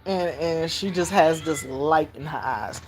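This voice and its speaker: An older woman, telling stories about raising her granddaughter in a casual, animated way, jumping into high squeals when she acts out voices. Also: a little slow. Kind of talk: casual storytelling vlog.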